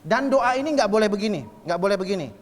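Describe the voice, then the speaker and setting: A man preaching at a religious study session in a lively, joking way, asking his audience questions and answering them. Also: high voice, fast talker, big-room sound.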